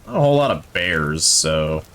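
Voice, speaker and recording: A man's voice: rumbling low, very animated, normal speed, fairly bright tone. A male streamer giving casual, chatty gameplay commentary, rambling and thinking aloud, enthusiastic about what he plays.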